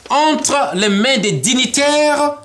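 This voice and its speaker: A man, a guest in an interview, explaining a political model in an animated way and often laughing. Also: very high-pitched, slow pace. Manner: animated, acts out imagined dialogues, laughs often.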